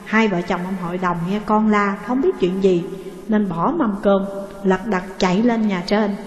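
A woman narrates a story in a steady, expressive reading voice at a middle pitch. The recording is roomy, with a long reverb trailing each phrase. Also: moderate pace, muffled recording. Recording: echoey room with long reverb.

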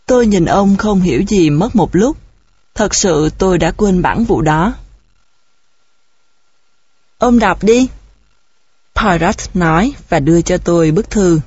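A woman narrating an audiobook in a steady, measured storytelling manner. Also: lowish voice, husky, no echo. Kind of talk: audiobook reading. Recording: dull, dry recording.

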